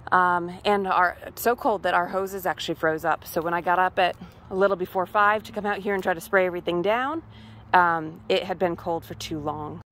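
Touring her outdoor garden in a casual vlog, a Massachusetts homesteader wanders and thinks aloud, saying "um" often. She speaks at a normal speed in a fairly low, slightly bright voice.

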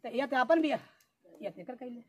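A man's voice: extremely high pitch, animated, a little slow, exaggerated voice. A man playing an exasperated, scolding village elder in an amateur comedy skit, with an eastern Uttar Pradesh accent. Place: open village courtyard. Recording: noisy outdoor camera sound.

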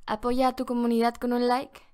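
A woman presenting a scripted language lesson, reading short phrases slowly and clearly and repeating each one. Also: on the high side, completely flat delivery, darkish tone. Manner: slow, clear phrase-by-phrase delivery with repetition. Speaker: language teacher.

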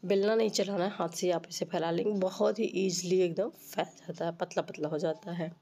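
Female cooking host, lowish pitch, congested and slightly rough from a cold, instructing informally. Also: fairly even intonation, a little fast, warm tone. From Uttar Pradesh, India. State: stuffy nose and rough voice from a cold. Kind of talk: recipe tutorial narration.

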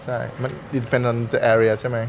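A man's voice: mid-range voice, level tone, unhurried. A man chatting casually as an interviewer, echoing answers back and mixing in English phrases. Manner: mixes in English phrases, echoes guest's answers. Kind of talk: casual chat. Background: music.

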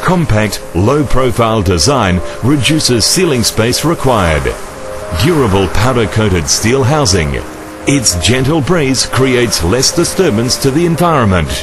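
A middle-aged man giving a scripted commercial voice-over in a smooth, persuasive manner. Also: mid-range voice, very animated, measured pace. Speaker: voice-over narrator. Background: music.

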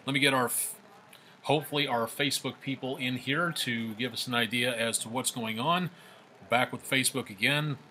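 A male TV meteorologist doing a live weather forecast, ad-libbing loosely and repeating himself, his voice coming through a faulty mic on a low-quality stream. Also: fairly even intonation, normal speed, sharp tone, slight background noise. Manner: loose, repetitive, filler-heavy ad-libbing. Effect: low-quality stream audio from a faulty microphone.

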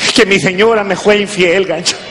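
A man's voice: high voice, steady tone, a little fast, background noise, lightly acted. A man playing a folksy old rural Chilean grandfather, rambling on stage with a Chilean country accent and a pet word in every line. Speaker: comedian. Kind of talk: stand-up character comedy. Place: large stage before an audience. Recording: long hall reverb.

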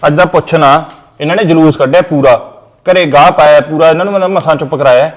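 A man's voice: fairly high pitch, quick pace, close to an everyday voice. A man acting a younger brother who is weary of the family fights and readily gives way to his elder brother. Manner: weary, accommodating. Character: younger brother fed up with daily quarrels. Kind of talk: family comedy skit acting. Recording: echoey room with music.

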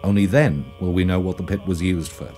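Low, mellow male documentary narrator. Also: a little fast. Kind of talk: scripted narration. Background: faint music.

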